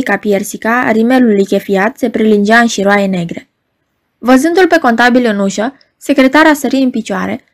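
A woman reading a novel aloud as an audiobook narrator, steady and expressive. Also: on the high side.

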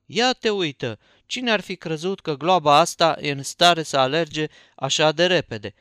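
Un bărbat care dă glas unui fermier bătrân, blând și ospitalitos, predicator la țară. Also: male voice, on the high side, fairly bright tone, clear, resonant tone, dry recording, studio quality, close to an everyday voice. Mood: welcoming. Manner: hospitable, homely. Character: kindly, innocent old male farmer-preacher.

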